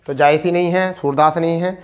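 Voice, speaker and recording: Male exam-prep tutor, a touch high-pitched, coaxing and repetitive, hurrying students toward the answer. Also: steady tone. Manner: coaxing, repeats "ठीक है" often; recites verse slowly and deliberately. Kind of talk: explaining a practice test.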